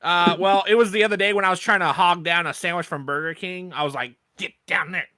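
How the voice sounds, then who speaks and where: A man's voice: sits high, fairly even intonation, fast talker, bright, forceful tone, clear, resonant tone, no echo. A man co-hosting a podcast, joking with friends in loose banter and laughing often. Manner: laughs often, jokey and rambling. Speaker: podcast co-host. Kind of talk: casual group podcast banter.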